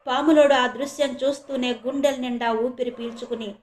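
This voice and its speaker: A woman's voice: high-pitched, steady tone, normal speed, darkish tone. Woman narrating a horror serial, roomy echo. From India. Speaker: storyteller, channel host.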